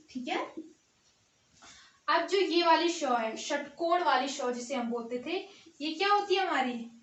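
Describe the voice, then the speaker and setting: High-voiced woman teaching in an echoey room. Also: a bit bright, distant mic. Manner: explains step by step, asks and answers her own questions. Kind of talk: Hindi grammar lesson.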